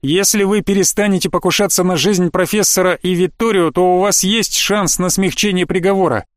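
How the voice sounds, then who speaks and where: A man's voice: high-pitched, steady tone, a little fast, no echo, clean studio sound, close to an everyday voice. A man voicing a cool-headed young male spaceship pilot in an audiobook, cocky toward his enemies. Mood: formal. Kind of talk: audiobook reading.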